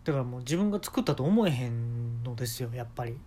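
A man with a Kansai accent telling an absurd story in a casual, deadpan, rambling way with many asides. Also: medium pitch, fast, a little hiss or hum. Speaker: podcast talker.

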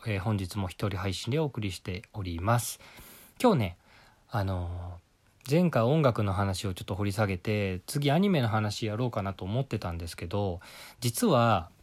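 A man hosts his own solo talk show from home, his voice sitting slightly low. He talks quickly, mixing polite formal phrases with puns and playful asides. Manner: jokey, punning, with polite set phrases. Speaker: podcast host. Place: at home, right after a bath.

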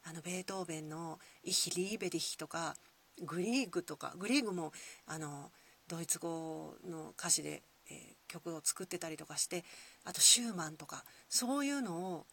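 A woman with a Kyoto accent hosting a solo podcast, musing gently with many soft fillers. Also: on the low side, moderate pace, slightly rough. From Kyoto, Japan. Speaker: podcast host.

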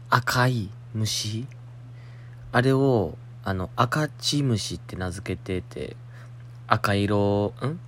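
This podcast host is a young Shiga native with a Kansai accent, talking alone on his show and wandering through a listener's letter. His voice sits lowish, with a slight hiss or hum in the audio. He chats, mumbles asides to himself, and breaks into laughter.

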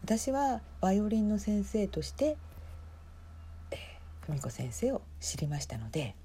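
Softly whispering woman with a husky tone. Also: medium pitch, big pitch swings, measured pace. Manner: speaks softly in hushed whispers; chatty, reacts aloud to what she sees. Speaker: podcast host watching a livestream. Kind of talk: casual live commentary, half whispered.

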